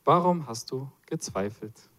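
A man's voice: mid-range voice, a little slow. A man preaching a sermon in a church, reading from the Bible and joking with the congregation. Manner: animated, playful asides to the congregation.

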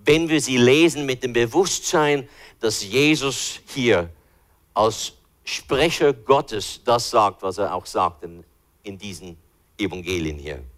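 A man's voice: medium pitch, takes it slowly, a bit bright. A man teaching from the Bible in an informal, conversational way, thinking aloud as he looks for verses. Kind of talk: informal Bible study talk.

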